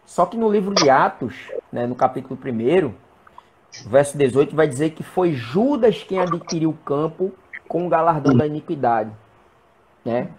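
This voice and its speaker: A man, a presbyter and guest, talking in a measured, hesitant way in a casual live chat about the Bible. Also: on the high side, lively intonation, background noise.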